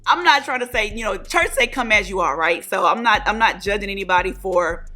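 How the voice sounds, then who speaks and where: A woman, telling a story to her viewers while doing her makeup, chatty and animated, calling them y'all and honey. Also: medium pitch, fairly quick. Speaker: beauty vlogger.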